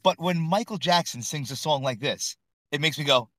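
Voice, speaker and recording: A man with a fairly high, somewhat bright voice talks at normal speed while co-hosting a casual podcast from a car. His chat is joking, profane banter, captured in a dry recording.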